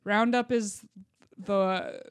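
A podcast co-host with a clean, smooth voice, recorded close and dry. The delivery is informal explanation with a wry, joking streak. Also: medium pitch, fairly even intonation, drawn-out words, no room sound. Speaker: podcast co-host presenting research. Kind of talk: casual explanatory talk with joking asides.

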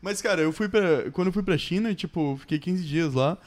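A Brazilian man chatting casually and slangily on a podcast, telling stories in an animated way and acting out what people said. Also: high-pitched, fairly quick. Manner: animated storyteller, slangy, acts out reported dialogue. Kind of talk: casual chat.

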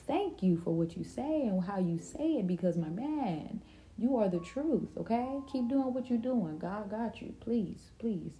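A woman's voice: mid-range voice, slight background noise. A young adult woman, hosting a casual faith-centered vlog and chatting animatedly to her viewers. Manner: animated, talks to viewers as "y'all". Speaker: vlogger and podcast host.

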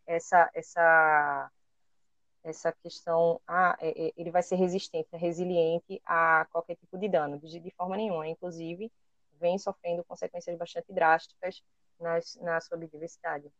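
A woman's voice: lowish voice, little pitch movement, moderate pace, fairly bright tone, no room sound. A woman with a Brazilian Portuguese accent, co-hosting an educational podcast and explaining carefully, with frequent hesitations as she searches for words. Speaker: co-host. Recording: dry, dull lo-fi recording.

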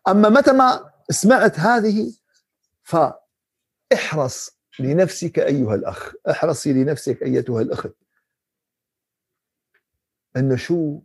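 Lively Levantine sheikh asking rhetorical questions. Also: male voice, on the high side, slightly rough. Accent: Levantine Arabic. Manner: animated, rhetorical questions to the audience; recites Quran verses slowly. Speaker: sheikh giving Quran commentary. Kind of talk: sermon-style Quran commentary.

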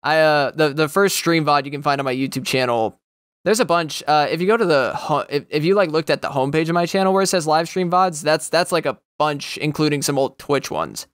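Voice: medium pitch, brisk, dry recording. Rambling young co-host, dry close mic. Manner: rambling, swears a lot, breaks into loud goofy impressions. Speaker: podcast co-host. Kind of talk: casual chat.

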